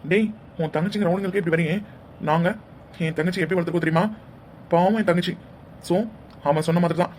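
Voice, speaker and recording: A man's voice: on the high side, steady tone, quick pace, pauses often, darkish tone, a little hiss or hum. A man voicing a protective brother in a cartoon, scolding and sarcastically threatening the other family. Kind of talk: cartoon dialogue acting.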